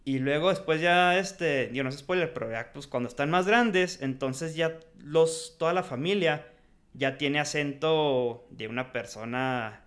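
A man's voice: on the high side, unhurried, a bit bright. A man with a Mexican accent co-hosting a podcast, giving a frank, slangy film review and laughing often. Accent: Mexican Spanish. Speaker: podcast co-host. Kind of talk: casual film review chat.

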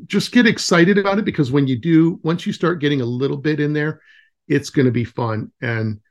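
Man guest, outdoor educator; lively and chatty, breaks into voices for kids and parents. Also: medium pitch. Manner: animated, acts out quoted voices of kids and parents. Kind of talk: casual podcast conversation.

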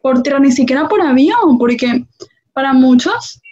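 A woman hosting a conversational interview, chatty and animated as she tells her own stories. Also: high voice, moderate pace, a little hiss or hum. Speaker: host. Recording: dull lo-fi sound.

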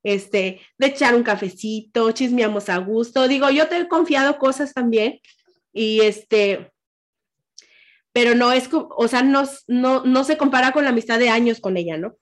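A middle-aged Mexican woman hosting a casual podcast chat. Her voice sits fairly high, and she talks in an animated way, dropping fillers and acting out little quoted exchanges. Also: moderate pace. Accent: Mexican Spanish. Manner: animated, chatty, lots of fillers and quoted asides. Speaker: podcast host.

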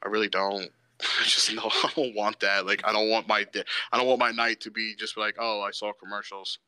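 A man's voice: on the low side, level tone, a little fast, pushed and bright, dry recording. A man co-hosting a casual sports podcast, laid-back and saying "dude" and "bro" a lot. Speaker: podcast co-host.

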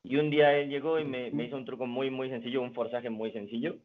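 A young man speaks as a guest in a casual interview, easygoing and full of restarts as he tells his story. His voice sits at an ordinary pitch. The sound is narrow and thin, like a phone line. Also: fast. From Mexico. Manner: relaxed storytelling with many restarts. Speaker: guest, card designer and magician.

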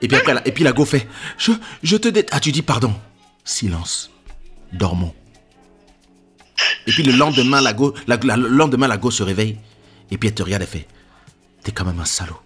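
A man in casual chat, telling a story with animated delivery and acting out quotes in a high voice. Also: brisk, pauses often, slightly rough, soft background music. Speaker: podcast host.

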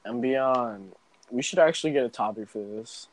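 A man's voice: medium pitch, fast, slight background noise, low-quality recording. A young man joking and laughing with friends while they play a video game online. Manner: playful, laughs often, teasing. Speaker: gamer. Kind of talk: casual gaming chat with friends.

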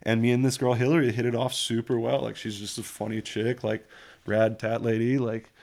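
Young dude rambling thru tattoo stories, gravelly voice, swears a lot, dry close mic. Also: male voice, medium pitch, little pitch movement, a little fast, darkish tone, no room sound. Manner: rambling, slangy, full of "like" and swearing. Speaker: guest telling tattoo stories. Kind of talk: casual chat.

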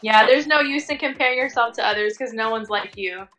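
A Tongan American woman, a working fashion and commercial model, chats casually as an interview guest, peppering her speech with "like" and "you know." Her voice is a little high and fairly quick, with music playing in the background.

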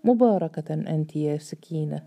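A woman voicing a calm, kindly man who leads his household and speaks in a quiet, gentle, reassuring way. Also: sits low, moderate pace, soft background music.

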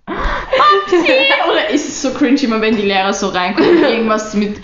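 A woman's voice: a little high, expressive, fast talker, heavy background noise. A teenage girl with an Austrian German accent, telling school stories in a casual podcast chat and laughing often. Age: teens. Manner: laughs a lot, quotes teachers. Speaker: podcast co-host. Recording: echoey room, dull lo-fi sound.

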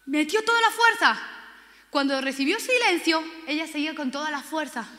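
A woman's voice: high voice, lively intonation, normal speed, sharp tone. A woman from Spain preaching a sermon with passion, repeating key words and acting out quoted voices. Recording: long hall reverb.

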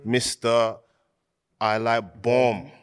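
A man giving a drawn-out, wrestling-style introduction of himself as a guest. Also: mid-range voice, little pitch movement.

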